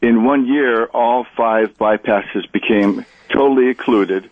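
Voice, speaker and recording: A man in his sixties, calling in over the phone to a radio show, telling his story haltingly. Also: medium pitch, no room sound. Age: 60s. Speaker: caller. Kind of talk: call-in question to a radio show. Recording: tinny phone line.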